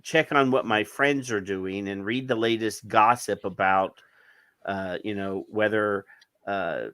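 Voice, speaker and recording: A man's voice: fairly low pitch, a little slow, fairly bright tone, clean tone, no echo. A middle-aged man co-hosting a podcast, chatting casually and sarcastically, often restarting his sentences. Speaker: podcast co-host. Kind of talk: casual chat.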